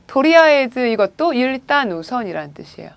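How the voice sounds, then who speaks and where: A woman lectures in a higher voice with a lively, swooping pitch. She keeps students moving with frequent prompts and questions. The sound is dry and close to the mic. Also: brisk, creaky, no room sound. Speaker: Japanese language teacher. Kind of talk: recorded video lecture.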